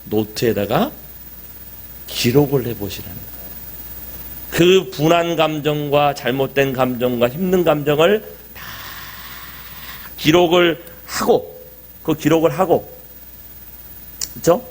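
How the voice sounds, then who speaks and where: A man's voice: on the high side, takes it slowly, long pauses, slight background noise. A middle-aged man pastor preaching a sermon in a church, talking conversationally and asking the congregation rhetorical questions. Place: church sanctuary.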